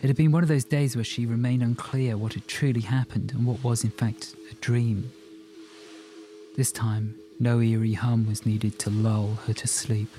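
A man narrating an audiobook in a calm, even storytelling manner. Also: medium pitch, moderate pace. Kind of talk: scripted narration.

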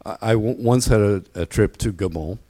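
Male pastor, middle-aged, low voice. Conversational sermon delivery, anecdotal, halting, self-deprecating. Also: warm tone.

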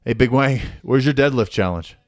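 A man's voice: mid-range voice, moderate pace, no room sound. Young guy hosting a sports podcast, jokey and teasing, dry close sound. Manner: joking, teasing, swears casually. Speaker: podcast host. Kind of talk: casual chat.

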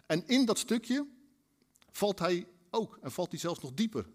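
A man preaching a sermon in a high, very lively voice that leaps up and down. He tells his story with animation, slipping into acted-out voices as he goes. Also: unhurried. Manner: animated, acts out quoted dialogue.

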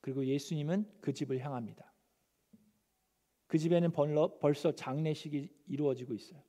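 A male pastor preaching a sermon, animated and acting out the scripture quotes. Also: a little high, brisk. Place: church sanctuary. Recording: long church hall reverb.

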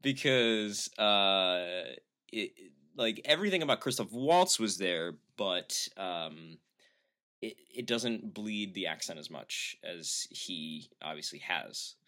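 A man's voice: sits low, lively intonation, takes it slowly, sharp tone. A man co-hosting a comedy podcast, rambling and hesitant with frequent laughs. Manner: rambling, many fillers, laughs while talking. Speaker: podcast co-host. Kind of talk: casual comedy chat.

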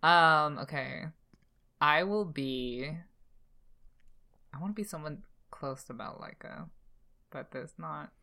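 Playful giggly woman in casual game chat, low voice w lots of pitch movement. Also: lively intonation, slow, vocal fry, pauses often, sharp tone. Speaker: player in a voice-call dating guessing game.

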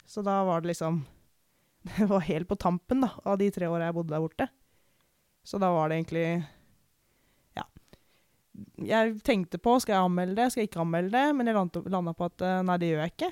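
Young woman, from Norway, candid, reflective, pauses and restarts, crisp voice, dry sound. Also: lowish voice, a little mellow, no echo. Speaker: podcast guest. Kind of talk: personal account in casual conversation.

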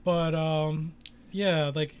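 A man talking loosely in a casual conversation, his voice sitting slightly high. He circles around his points with restarts and frequent cursing. Faint noise sits behind him. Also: flat delivery, drawn-out words. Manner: rambling, profane, hesitant restarts. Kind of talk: casual chat.

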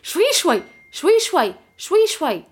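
A woman voicing her panicking pregnant older sister, who keeps shouting frantic warnings from the passenger seat. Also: big pitch swings, moderate pace. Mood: panicked. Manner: shrill frantic repeated warnings.

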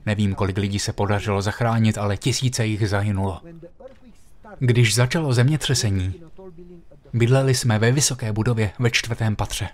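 A man preaching a sermon, telling a personal story vividly and slowing down on stressed phrases. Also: lowish voice, steady tone, a little mellow.

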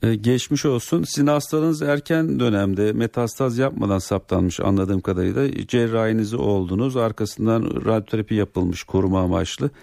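A man's voice: on the low side, moderate pace, gravelly, hardly any pauses, mellow, no echo, studio quality. A man speaking as a doctor, explaining medical advice to callers on a radio show. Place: radio studio.

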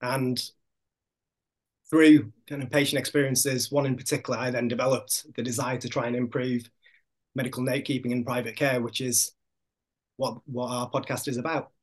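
A man with a Hull accent giving measured, explanatory answers as a guest in an interview. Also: mid-range voice, level tone. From Hull, Yorkshire, England. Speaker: podcast guest, sports doctor.

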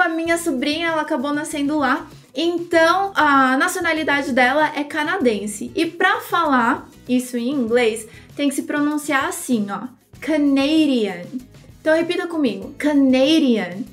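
Brazilian woman, English-lesson host; high register, slow model pronunciations, faint music bed. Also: expressive, fairly bright tone. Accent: Brazilian Portuguese. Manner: slow, drawn-out model words for repetition. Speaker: English teacher and channel host.

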